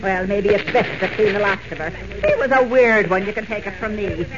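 A woman's voice: medium pitch, sing-song, normal speed, natural voice. An actress playing a gossipy, nosy older landlady with an Irish accent in a 1940s radio serial, blunt and folksy. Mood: grumbling gossip. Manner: folksy, blunt, chatty grumbling. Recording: muffled, noisy old radio recording.

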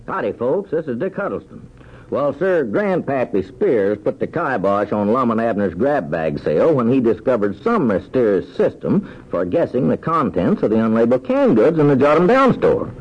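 A friendly, folksy small-town man who recaps the story in an old radio drama, husky and easygoing. His voice swings widely in pitch, and the sound is dull and muffled like a vintage broadcast. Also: big pitch swings, moderate pace.

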